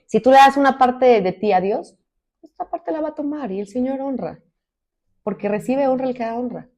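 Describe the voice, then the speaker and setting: A woman from Mexico preaching a sermon as a minister, expressive, swinging between loud emphasis and soft asides. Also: sits high, fairly quick.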